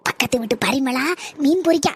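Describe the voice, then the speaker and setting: A woman doing a shrill nagging old mother-in-law. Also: brisk, breathy edge, no echo, exaggerated voice. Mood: wheedling. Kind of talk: cartoon comedy voice acting.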